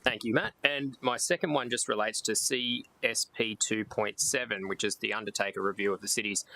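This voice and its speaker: A man's voice: on the low side, pushed and bright, low-quality recording. An Australian man speaking as a councillor in a council committee meeting, asking officers questions in long, formal sentences. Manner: long-winded, formal phrasing.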